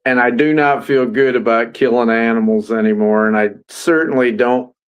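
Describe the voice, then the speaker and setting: Podcast co-host, male, mid-pitched voice, folksy, rambling delivery. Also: normal speed, clear, resonant tone. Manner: rambling, folksy, restarts often. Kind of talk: casual sports podcast chat.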